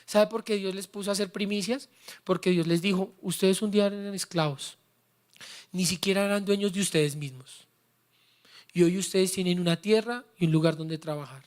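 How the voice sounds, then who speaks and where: High-pitched and a little mellow, a male pastor delivers a sermon with fervor. He asks the congregation to say words after him and shares his own story with real emotion.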